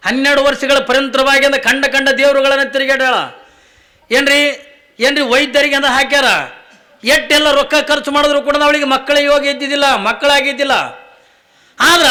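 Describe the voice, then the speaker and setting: A man's voice: very high-pitched, pushed and bright. A man with a North Karnataka accent telling a devotional story as a sermon, repeating phrases and turning to his listeners. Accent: North Karnataka Kannada. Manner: storytelling, addressing listeners directly, repetitive. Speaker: preacher.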